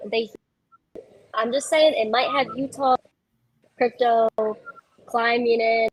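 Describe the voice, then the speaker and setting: A woman co-hosting a casual podcast chat over a video call, her audio glitching and cutting out, her phrasing hurried and stumbling. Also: a little high, husky, rough recording. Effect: glitchy call audio that keeps cutting out. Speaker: co-host, head of social media.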